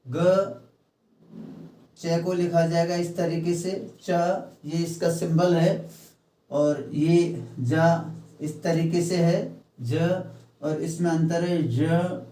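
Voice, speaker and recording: A man teaching a phonetics lesson, explaining each point slowly and step by step, slipping English terms into his talk. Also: a little high, fairly even intonation, mellow, recorded from a distance. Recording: echoey room, mic set back.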